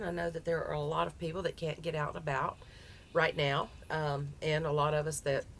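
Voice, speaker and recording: A woman with a low voice talks in a folksy Southern US drawl, chatty and informal like a home crochet vlogger. She is recorded outside on a porch, with light outdoor noise behind her. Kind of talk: casual, chatty vlog.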